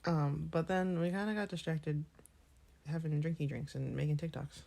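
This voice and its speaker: Young woman w a low gravelly voice, jokey podcast chat. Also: steady tone, moderate pace, dark tone. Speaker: podcast co-host. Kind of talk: casual chat.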